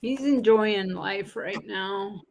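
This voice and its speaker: A woman's voice: medium pitch, takes it slowly, gravelly, darkish tone, a little hiss or hum. A woman casually chatting and selling coins on a livestream, rambling through stories and laughing easily. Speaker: livestream coin seller.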